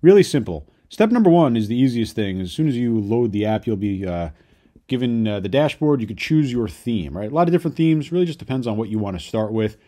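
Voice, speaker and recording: A young adult man walking viewers through a software tutorial in an upbeat way, often tagging his sentences with "right?". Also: medium pitch, sing-song, fairly quick. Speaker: online business course creator. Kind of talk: screen-share software tutorial.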